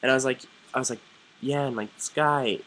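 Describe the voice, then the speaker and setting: A young man talks straight to his camera at home in a chatty, animated way, full of "like"s and sudden jumps into higher voices when he quotes people. His pitch sits in an ordinary middle range, and a faint hiss of background noise lies under the recording. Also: fairly quick, poor audio. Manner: chatty, animated, quoting others in lively put-on voices, frequent "like". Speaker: vlogger. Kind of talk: casual storytelling to camera.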